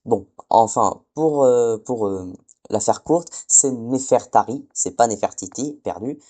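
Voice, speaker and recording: A man's voice: lowish voice, lively intonation, measured pace, dark tone. A man giving a casual spoken lesson, hesitant, often stumbling and correcting himself. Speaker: teacher.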